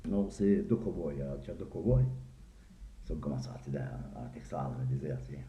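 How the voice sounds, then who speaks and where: A man casually tells crude jokes, voicing the characters and laughing at his own punchlines, in a rumbling low, mellow voice with lively intonation at a slightly fast pace. The audio sounds echoey and tinny, like a phone.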